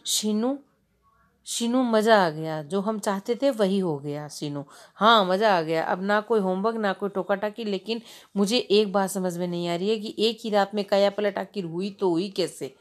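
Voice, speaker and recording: A woman's voice: mid-range voice, normal speed. A woman teacher reading a children's story aloud, giving each character a voice of its own.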